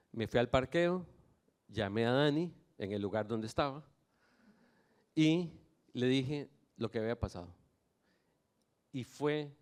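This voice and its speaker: Here is a man born in Nicaragua giving his testimony to a church audience. His voice sits at an ordinary middle pitch, and he tells his story with easy, lightly humorous anecdotes. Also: a little mellow.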